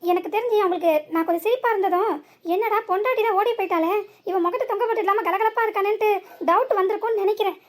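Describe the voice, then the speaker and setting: Voice actor doing a squeaky jumpy cartoon husband. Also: racing. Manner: stammering, nervous. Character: boastful young husband, secretly scared of ghosts. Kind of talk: comic cartoon voice acting.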